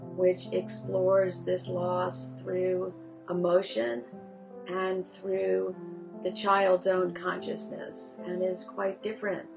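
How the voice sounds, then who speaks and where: A woman presenting her publishing program in a measured way, with pauses and fillers. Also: on the low side, monotone, gravelly, over music. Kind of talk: prepared presentation.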